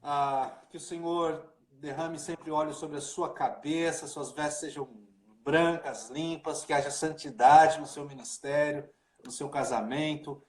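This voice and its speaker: Unhurried and steady in tone, a man with a fairly high voice leads a casual livestream over video call as a pastor. He keeps things chatty and informal, with plenty of né and cara, recorded in a room with noticeable echo.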